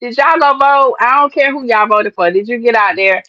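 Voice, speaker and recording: With a voice on the high side, pushed and bright at a moderate pace, a woman hosts her own live stream and chats emphatically to her viewers. She's a sports fan keeping it casual; there's no echo, but the audio is dull lo-fi.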